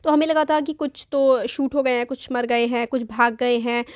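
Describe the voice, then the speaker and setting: A woman's voice: fairly high pitch, steady tone, normal speed. A young woman teaching a class lesson in a casual, explanatory way, often rephrasing herself. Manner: explains in Hindi mixed with English terms, rephrases with "matlab". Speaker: teacher, channel host.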